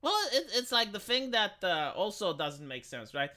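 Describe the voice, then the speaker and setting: A man's voice: sits high, big pitch swings, moderate pace, bright, forceful tone. A man with a tinny, metallic sound, chatting casually and bluntly as a live streamer who argues back at comments. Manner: argumentative, blunt, swearing. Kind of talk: casual opinionated chat, answering comments.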